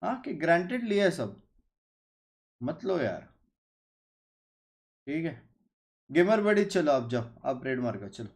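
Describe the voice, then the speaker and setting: A man's voice: fairly high pitch, very animated, a little slow, long pauses. A young man with an Indian accent, hosting a game watch-party stream and joking with his viewers in casual chat, slipping English phrases into his talk. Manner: chatty and joking, mixes English into Hindi.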